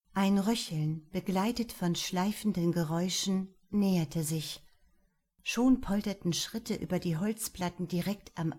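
Woman narrating a story, slow and steady, lowish voice. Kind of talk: audiobook narration.

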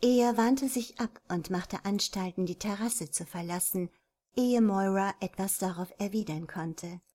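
A woman reading a romance novel aloud in a measured, even storytelling voice. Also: medium pitch. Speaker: narrator. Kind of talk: scripted audiobook narration.

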